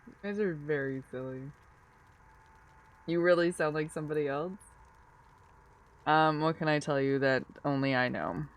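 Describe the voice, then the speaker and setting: A woman live streamer, just up from a nap, chats drowsily with her viewers and answers chat in a sleepy, giggly, rambling way. Her voice is low, her pace moderate, and she pauses often.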